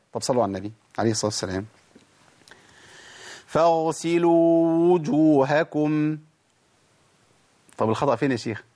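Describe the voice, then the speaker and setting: A man with an Egyptian accent teaching Quran recitation rules, quizzing his listeners with rhetorical questions and demonstrating words slowly. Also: on the high side, darkish tone. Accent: Egyptian Arabic. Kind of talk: recorded tajweed lesson.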